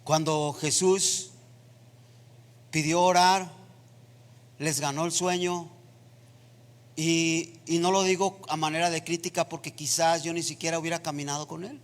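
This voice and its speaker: A man preaching a sermon in a church, building into impassioned, near-shouted passages. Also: fairly high pitch, level tone, measured pace, pauses often. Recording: long reverb of a church hall.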